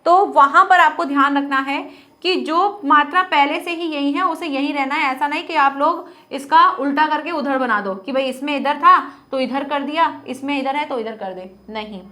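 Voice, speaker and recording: A young woman teacher explaining a Hindi grammar lesson, asking questions and answering them herself, repeating words slowly to model how they sound. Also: high-pitched, sharp tone.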